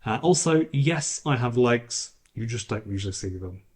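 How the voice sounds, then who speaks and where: A man's voice: mid-range voice, animated, moderate pace, a little mellow. A man talking to his viewers in a rambling, casual vlog, recorded on a camera's built-in mic that makes his voice sound slightly robotic. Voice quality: slightly robotic, degraded audio. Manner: chatty, rambling, frequent restarts and fillers. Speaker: YouTuber.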